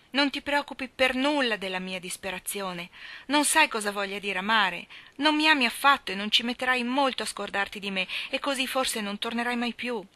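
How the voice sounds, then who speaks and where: A woman's voice: fairly high pitch, sharp tone, no echo. A woman reading the lines of a young lovesick country lad with an urgent, pleading delivery.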